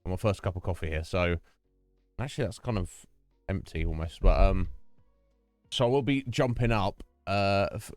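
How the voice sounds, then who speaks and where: Here a livestream host with a low, smooth, darkish voice rambles through casual chat with viewers, restarting sentences as he goes. He's on a noise-gated desk microphone, and the recording has no echo.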